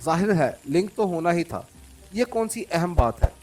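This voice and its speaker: A man's voice: sits high, animated, moderate pace. A man reading an audiobook, raising his voice to play a defiant young woman who leads a spy gang, from a distant mic over faint music. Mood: sulky. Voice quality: pleading, then sulky and sharp.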